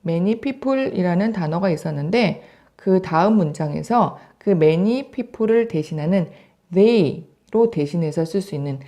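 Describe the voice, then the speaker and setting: A woman's voice: lowish voice, lively intonation, takes it slowly, warm tone. A woman teaching English grammar in a recorded video lesson, drilling word lists in a chant and checking in with the class.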